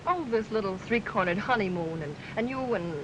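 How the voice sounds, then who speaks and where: An actress playing a wry, kindly young woman friend in a 1930s film, soft and a little hesitant. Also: medium pitch, expressive, a little fast, lo-fi sound, lightly acted. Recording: distant, hissy 1930s film sound.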